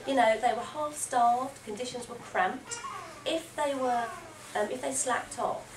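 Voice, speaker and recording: A woman's voice: fairly high pitch, unhurried. A woman, a children's author giving a playful library talk to schoolchildren, quizzing and praising them as she goes. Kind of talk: lively talk to a room of schoolchildren. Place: library event room. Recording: echoey, distant and noisy room recording.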